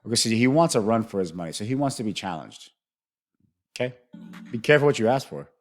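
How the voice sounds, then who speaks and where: Deep-voiced man musing through a reaction. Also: lively intonation, fast talker, faint music behind. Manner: rambling, musing aloud with many restarts. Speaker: reaction video host. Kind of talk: music video reaction commentary.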